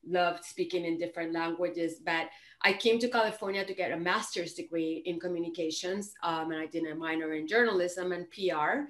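A Puerto Rican woman in her fifties talks animatedly as an interview guest over a video call from a home office. Her voice sits a little low, and she often restarts and fills with "you know". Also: fairly quick, fairly bright tone. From Puerto Rico. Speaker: guest author. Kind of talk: casual interview chat.

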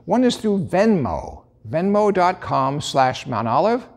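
Older American pastor, high lively gravelly voice. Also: male voice, slow. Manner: conversational, addressing viewers directly. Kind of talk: church announcements. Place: church sanctuary.

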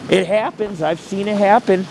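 A vlogger and paranormal investigator rambles chattily through a casual tour, holding his camera on a small town street. His voice sits high and a little mellow, steady in tone at a normal speed, with some vocal fry. Traffic ambience makes the handheld camera mic recording noisy.

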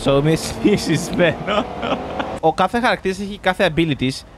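A young man, chatting through live gameplay commentary and reacting loudly to what happens on screen. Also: high voice, noisy background. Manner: chatty, reacts loudly to the game, mixes in English words. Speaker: gaming YouTuber.

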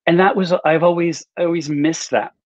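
His voice sits on the high side, with a steady tone, a moderate pace and no echo, as this middle-aged male novelist casually recounts personal stories as an interview guest on a video call, repeatedly restarting sentences. He's indoors in a bookshelf-lined room at home, wearing earbuds instead of a visible microphone, and the webcam call audio is slightly dull.

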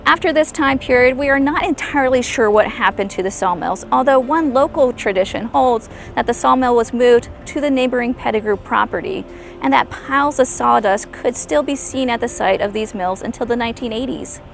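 A woman in her thirties narrates an outdoor historic site tour in a clear, measured presenter's manner, her voice sitting a little high with a gravelly edge. She talks into a lapel mic on an open lawn, with faint music under her voice. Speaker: historical interpreter. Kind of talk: informative video tour narration. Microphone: clip-on lapel mic.

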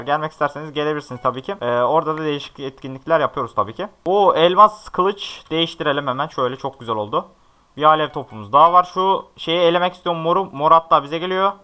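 A young male gaming YouTuber talks viewers through a match in a high, bright voice. He gets excitable and yells at opposing players, then slips back into easygoing asides to his audience. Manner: excitable, shouting at opponents, chatty asides. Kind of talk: live Minecraft commentary to viewers.

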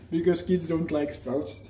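A playful man, Dutch by first language, runs a casual cooking demo in his home kitchen, joking and restarting phrases as he goes. His voice is fairly high and mellow. The handheld camera mic moves around, capturing an echoey room and the sizzle of frying.

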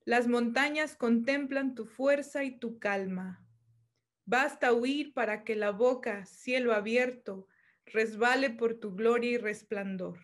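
A woman reading her own poem aloud in a calm, measured lyrical recitation. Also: a little high. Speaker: poet. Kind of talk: poetry reading.

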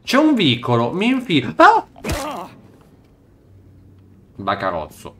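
Excitable man gaming on stream. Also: takes it slowly, a little hiss or hum. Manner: mutters low to himself, then yelps and shouts when startled. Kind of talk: live blind playthrough commentary.

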